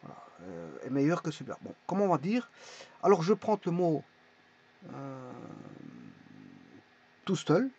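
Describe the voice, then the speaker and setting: Male teacher, husky and a bit high, halting explanations, dull lo-fi sound. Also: very animated, a little mellow. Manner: halting, many fillers and restarts. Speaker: language teacher. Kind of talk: casual explanatory lesson. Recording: dull lo-fi recording.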